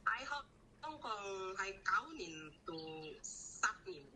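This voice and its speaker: A native Indonesian-speaking woman with an Indonesian accent, answering interview questions in short, halting phrases as she searches for words. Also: fairly high pitch, big pitch swings, bright, forceful tone, slight background noise, low-quality recording. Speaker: domestic helper being interviewed.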